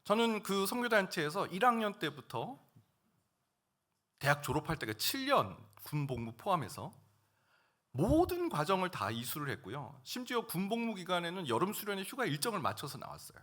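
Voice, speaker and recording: Male pastor, middle-aged, animated pitch, bright tone, storytelling sermon in church. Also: normal speed. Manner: personal storytelling, emotional swings from hushed to loud. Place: church sanctuary.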